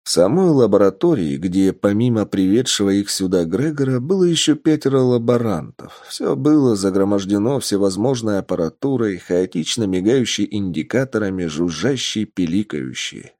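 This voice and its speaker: Low, expressive male audiobook narrator. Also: normal speed, few pauses, no echo, studio quality. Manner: expressive, storytelling.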